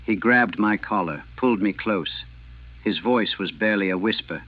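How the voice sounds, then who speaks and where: Low grave man on a tinny old recording. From United States. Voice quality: grave, measured, haunted. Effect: old archival recording, narrow and tinny. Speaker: army chaplain recalling the war. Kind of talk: solemn first-person recollection.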